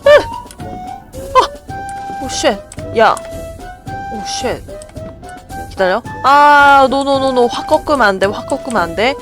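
A woman giving let's play commentary on a tense game, alternating yelps with hushed self-soothing mutters. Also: on the high side, lively intonation, moderate pace, pauses often, over music. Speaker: gaming YouTuber.

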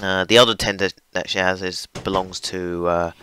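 A young man with a low, fairly even voice talks at a moderate pace, his tone pushed and bright. He hosts a gaming channel and rambles casually through train-simulator gameplay, hesitant and full of fillers, his voice strained and giving out from talking too much. The home recording is noisy.

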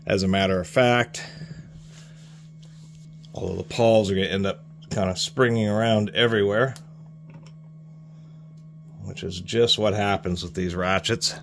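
A man's voice: low-pitched, fairly even intonation, unhurried, creaky, long pauses, a little hiss or hum. A man reviewing hand tools at his workbench in a casual, explanatory way, rambling and restarting his sentences. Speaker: tool reviewer. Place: workshop bench, hands on tools.

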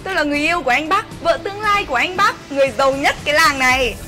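A high-pitched, arrogant young wife, played by a woman, in a web skit drama. She talks down at people with open contempt, quick and cutting. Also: expressive. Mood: scornful. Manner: sneering, arrogant. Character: scornful unfaithful young wife. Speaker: actor. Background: background music.

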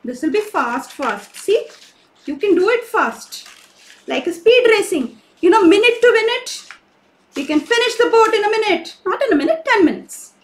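Cheerful high-voiced woman teaching crafts. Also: very animated, moderate pace. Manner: cheerful, coaxing, asks kids many questions. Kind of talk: live online kids' craft session.

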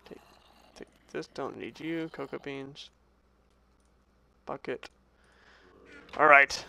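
A young man commentating his own game as he plays, joking with the game and yelping when startled, then dropping to a hushed mutter when tense. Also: mid-range voice, fairly even intonation, slow pace, gravelly, slight background noise. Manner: jokey, talks to the game, yelps when startled. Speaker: gaming channel host. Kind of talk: Minecraft let's play commentary.

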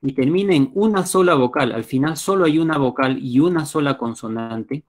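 A man's voice: a little high, moderate pace. Man, Peruvian Spanish accent, patient teacher, explains and checks in, computer mic. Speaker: English teacher. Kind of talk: live online class.

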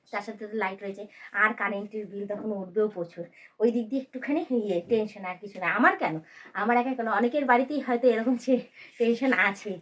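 Housewife vlogging from her bedroom, sore throat so she keeps it soft, rattles on fast and chatty. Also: fairly high pitch. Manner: rambling, talks straight to viewers while doing chores. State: sore throat, speaking softly. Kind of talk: casual chatty vlog. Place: bedroom at home.

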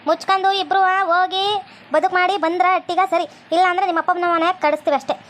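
A woman's voice: extremely high pitch, steady tone, fairly bright tone, a little hiss or hum. A woman with a North Karnataka Kannada accent voicing a bossy, scolding middle-aged mother-in-law in a cartoon comedy. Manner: scolding, rapid-fire bossy.

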